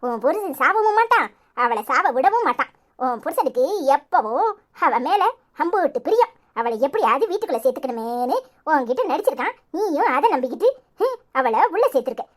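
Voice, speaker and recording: Woman voicing a mocking, sharp-tongued cartoon mom from Tirunelveli, high and swooping. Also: sing-song, a little fast. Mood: scolding. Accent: Tirunelveli Tamil. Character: scornful scolding mother, middle-aged woman.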